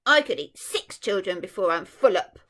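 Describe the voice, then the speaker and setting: A woman's voice: mid-range voice, lively intonation, normal speed, pitched below the performer's own voice. A woman voicing a greedy, scheming male crocodile in a storybook read aloud, gloating over his plans. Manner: scheming, gleeful, turns to frantic yelling.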